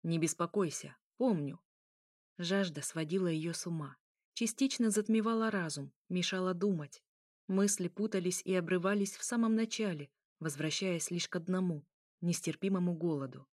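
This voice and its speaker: A woman reading a story aloud in a steady, measured narration. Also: fairly low pitch, no echo, clean studio sound. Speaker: audiobook reader. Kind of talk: scripted narration.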